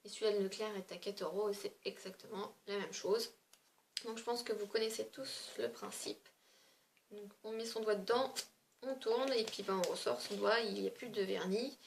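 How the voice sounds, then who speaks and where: A woman's voice: medium pitch, fairly even intonation, normal speed, vocal fry, a little hiss or hum. A woman beauty vlogger chatting casually through a product review, talking loosely with frequent fillers and small hesitations.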